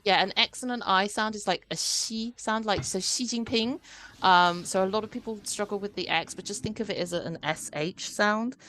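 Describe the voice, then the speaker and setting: A woman's voice: mid-range voice, moderate pace, a bit bright. A woman hosting a podcast, explaining things step by step in casual chat, with many restarts and fillers. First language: Cantonese. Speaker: podcast host.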